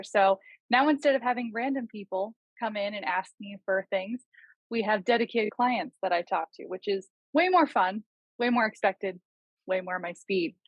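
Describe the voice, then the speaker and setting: A woman's voice: mid-range voice, no room sound. Twenty-something woman chatting on a podcast, joking at herself, kinda muffled dry audio. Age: 20s. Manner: chatty, self-deprecating. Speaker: project manager. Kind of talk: casual podcast chat.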